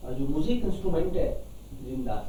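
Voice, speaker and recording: A woman's voice: deep voice, sing-song, moderate pace, dark tone, slight background noise. A woman teacher explaining a fairy tale in a language lesson, patiently repeating and explaining words. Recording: echoey room, far from mic.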